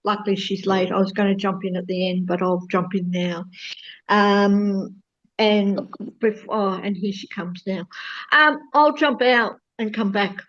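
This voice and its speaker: Woman, mid-pitched, casual live-stream chat, muffled lo-fi sound. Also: fairly even intonation, a little slow, a bit bright.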